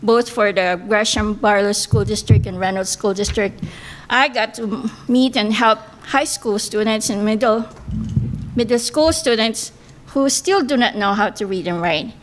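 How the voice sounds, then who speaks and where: This earnest, careful candidate speech comes from a middle-aged Filipino woman with a Filipino accent, speaking English as a second language at a podium microphone in a banquet room, with hesitant fillers. Her voice is medium in pitch and measured in pace. The audio is poor, with a little hiss or hum.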